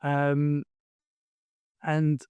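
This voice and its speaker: Man, slightly high voice, smooth and clear, dry close sound, explanatory interview talk with fillers. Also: completely flat delivery, very slow, no room sound, highs cut off. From London. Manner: thoughtful, explanatory, with frequent fillers. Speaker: podcast guest, company founder. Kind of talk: conversational interview answers.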